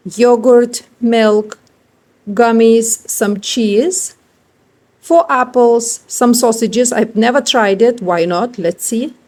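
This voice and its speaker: A woman's voice: on the high side, a little mellow, recorded from a distance, rough recording. Woman in her forties with a Lithuanian accent. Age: 40s. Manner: chatty, plain-spoken, slightly broken English. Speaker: vlogger. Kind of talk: casual vlog chat.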